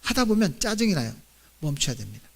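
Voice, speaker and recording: A man's voice: on the high side, very animated, fairly quick, creaky. A middle-aged male pastor giving a sermon, telling the story with animation, acting out voices and asking the congregation questions. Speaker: senior pastor.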